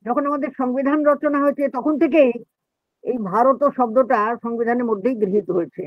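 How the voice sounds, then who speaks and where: A man's voice: extremely high pitch, steady tone, a little fast, no echo. A man giving an explanatory lecture as the teacher of a reading class, asking rhetorical questions as he goes. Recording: dull, muffled lo-fi sound.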